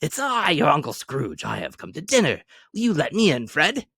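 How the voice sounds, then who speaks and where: A man voicing an elderly miser turned joyful and generous, in an eager, excited manner. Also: on the high side, moderate pace, vocal fry, husky, dry recording, clean studio sound, voice pushed up, heavily acted. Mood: tender.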